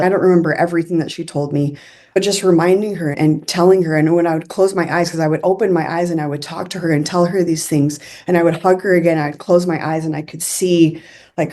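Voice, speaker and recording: A woman's voice: on the low side, dark tone. A young woman casually telling a personal story in an earnest, confiding way, full of "like" fillers. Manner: chatty, many fillers like "like" and "I'm like".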